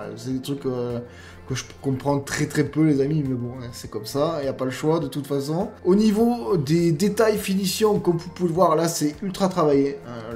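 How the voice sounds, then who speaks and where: His voice is a little high and a little mellow. He's a gaming YouTuber with a non-standard French accent, casually reviewing mods over gameplay, peppering his talk with fillers and friendly asides to the "guys" watching.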